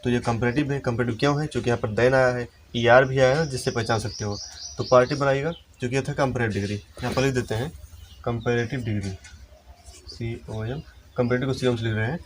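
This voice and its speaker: A man teaching English grammar in a lesson, explaining step by step and slowing down to dictate example sentences. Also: medium pitch, steady tone, a little hiss or hum. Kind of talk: Hindi-language classroom lesson.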